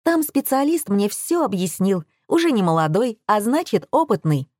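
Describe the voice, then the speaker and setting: A woman's voice: medium pitch, sing-song, moderate pace, darkish tone, no room sound, clean studio sound, voice pushed up. A woman voicing a brash, scheming woman who lectures everyone with full self-assurance. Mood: indignant. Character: brash scheming woman, shrill and sure of herself.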